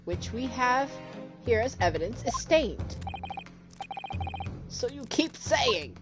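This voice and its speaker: A woman's voice: fairly high pitch, expressive, slow pace. A woman game streamer in a casual let's play, reading game dialogue aloud dramatically and breaking off into casual asides. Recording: loud game music behind voice. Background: game music.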